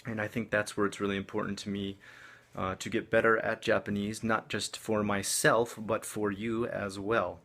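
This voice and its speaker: A man giving a casual vlog update in a conversational, rambling, self-deprecating way, with a creaky low voice. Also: level tone, normal speed, a bit bright. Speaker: vlogger.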